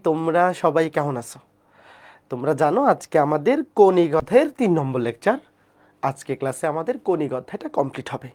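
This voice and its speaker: Soft-spoken Bangladeshi math tutor with a fever, lecturing live online and checking in with students often. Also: mid-range voice. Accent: Bangladeshi Bengali. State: feverish, speaking softly. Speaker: math teacher.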